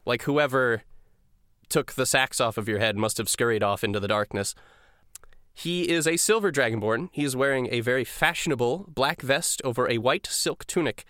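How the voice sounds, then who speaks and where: A man's voice: mid-range voice, moderate pace, pushed and bright, dry recording, studio quality. A man narrating a tabletop game as game master in a casual, chatty way.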